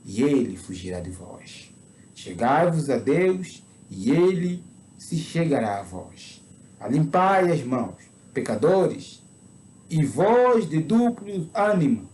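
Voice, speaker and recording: A man in his twenties with an Angolan Portuguese accent delivers his conversion testimony as a sermon, speaking slowly and deliberately and sometimes breaking into emphatic preaching. His voice is warm and fairly high, with slight background noise.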